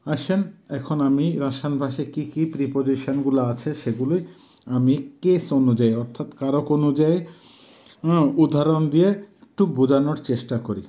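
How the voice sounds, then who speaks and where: A middle-aged man gives a language lesson, speaking patiently and haltingly and slowly repeating words so they can be pronounced. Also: mid-range voice, mellow. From Bangladesh. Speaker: language teacher.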